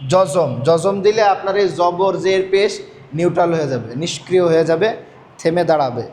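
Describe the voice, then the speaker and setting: A man teaches a reading class, his voice sitting high for a man. He drills his learner patiently, asking each question again and again. A faint hum of the room sits under his voice. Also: normal speed, darkish tone. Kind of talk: call-and-response reading lesson.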